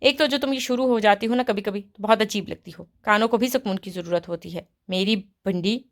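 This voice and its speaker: A woman voicing a gentle, innocent young woman who speaks fondly. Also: medium pitch, natural voice. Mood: affectionate. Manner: affectionate.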